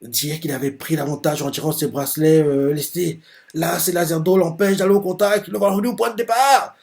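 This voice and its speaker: A man casually retelling a manga chapter for a reaction video, excited, full of fillers and quick laughs. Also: fairly high pitch, creaky.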